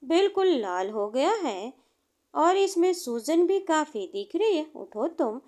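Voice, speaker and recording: Woman narrator reads a firm, protective young man, slow; storybook. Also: sits high, very animated, darkish tone, heavily acted. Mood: reassuring.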